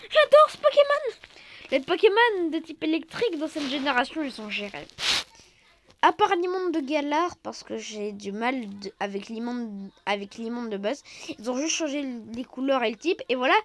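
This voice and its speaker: A woman hosting a card-collecting channel, reviewing a new set in casual commentary, exclamatory, playful and self-mocking, sometimes loud and then dropping to soft asides. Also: sits high, very animated, measured pace, no echo.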